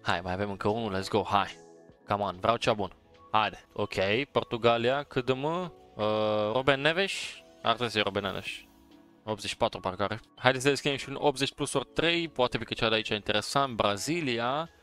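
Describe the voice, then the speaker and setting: A man's voice: fairly low pitch, fairly bright tone, clean tone, faint music behind. Eager man narrating pack openings. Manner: eager, urging, sprinkles English exclamations. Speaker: gaming streamer opening packs. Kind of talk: casual pack-opening commentary.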